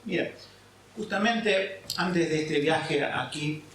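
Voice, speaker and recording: A pastor from Argentina preaches a sermon and explains scripture, frequently checking in with his listeners. His voice is fairly high and a bit bright, with a slow pace. He's in a church hall, recorded with a distant mic in an echoey space with slight background noise.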